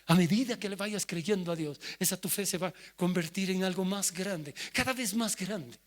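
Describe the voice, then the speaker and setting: A man preaching a sermon as pastor, moving from quiet asides to loud cries as he acts out the people he quotes. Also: sits high, normal speed. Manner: swings from soft asides to loud shouted quotes.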